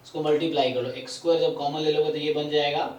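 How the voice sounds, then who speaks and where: A man's voice: on the high side, level tone, fast, roomy sound, recorded from a distance, muffled recording, slight background noise. A man teaching math in a live online lecture, explaining step by step and often checking in with "है ना".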